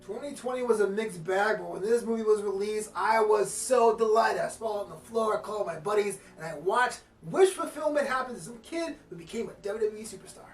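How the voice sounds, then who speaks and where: A man co-hosting a casual review chat about wrestling films, animated and slangy. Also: sits high, a little fast, few pauses, reverberant, far from the mic, soft background music.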